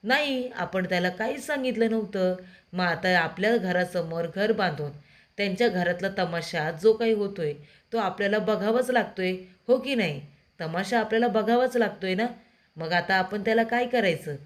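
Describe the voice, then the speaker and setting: A woman's voice: mid-range voice, moderate pace, natural voice. A woman narrator voicing an angry, scheming grown daughter who scolds her mother. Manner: scolding, bitter, raised voice.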